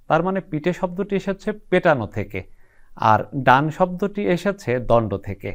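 A man hosting an educational TV program on language, presenting in a measured, explanatory way. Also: mid-range voice. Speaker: host and presenter.

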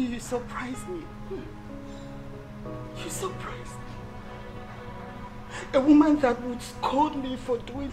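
A woman with a Nigerian accent playing a wronged young wife who begs her mother-in-law tearfully for forgiveness in a film. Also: sits high. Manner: pleading, tearful, repeats "Mommy, please". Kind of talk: Nollywood film acting.

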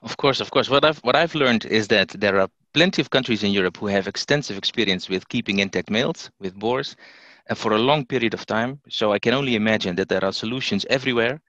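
A man's voice: on the low side, fast, pushed and bright, no echo, dull audio. A man giving a fluent, formal take-home message in a webinar. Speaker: panelist.

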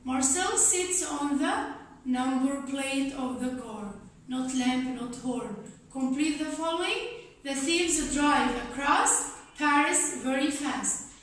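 A woman teaching English, reading a story aloud and explaining it slowly, repeating key words for learners. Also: high-pitched, animated. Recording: very echoey, from a distance.

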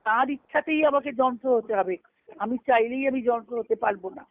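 A woman speaking at a moderate pace in a fairly high voice delivers a spiritual discourse on scripture through a conference call phone line. Her devotional teaching leans on repeated key phrases and questions she answers herself, and the sound is tinny and narrowband.

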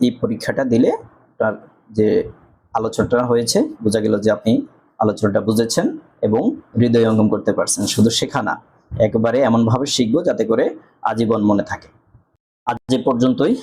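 A man with a Bangladeshi accent teaching English articles, reading example sentences slowly and answering his own questions. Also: fairly low pitch, fairly even intonation, a little mellow, breathy edge, low-quality recording. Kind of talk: grammar lesson.

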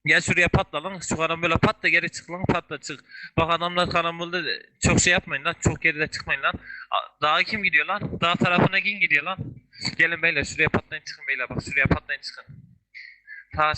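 A man with a bright, sharp voice fires off short commands over game voice chat, repeating each order again and again. He talks fast and sits a little high in pitch as he steers his team through the fight. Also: fairly even intonation, low-quality recording. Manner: rapid, repetitive barked orders. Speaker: guild leader calling orders. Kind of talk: live voice-chat commands during an online game battle.

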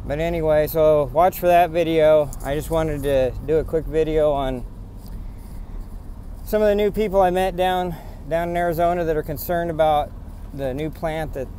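Driving his pickup through farmland and then stepping out onto rural land, a man rants casually at the camera, indignant, meandering, and repetitive. His voice is a bit high and warm, with slight hiss or hum in the recording.

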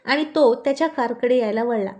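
A woman narrating a romantic story in a lively, expressive reading. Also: a little high, fairly quick.

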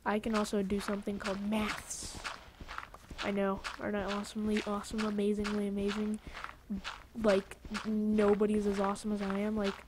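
A woman giving casual gameplay commentary in a goofy, rambling way, with lots of "like" fillers, jokey self-mockery and sudden excited outbursts. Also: mid-range voice, fairly quick, background noise. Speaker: gaming channel host.

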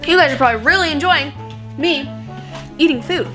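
A woman's voice: high-pitched, brisk, a bit bright, soft background music. A young woman vlogging casually, chatting playfully to her viewers. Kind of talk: casual vlog chat.

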